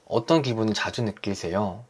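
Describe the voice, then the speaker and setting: A man hosting a live lesson for married couples, talking gently and earnestly and often asking his audience questions. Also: lowish voice, moderate pace, breathy edge. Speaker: host leading a couples' reading session. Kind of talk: live online lecture to couples.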